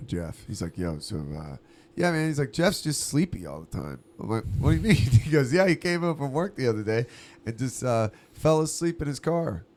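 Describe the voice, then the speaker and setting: A man on a casual podcast who tells stories with lots of swearing and laughter. His voice sits at an ordinary middle pitch, but it leaps up sharply whenever he acts out someone he is quoting. The delivery stays loose and lively. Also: normal speed. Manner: animated, profane, laughs through his stories; acts out quoted voices with big pitch jumps. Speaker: podcast co-host. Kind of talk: casual storytelling chat.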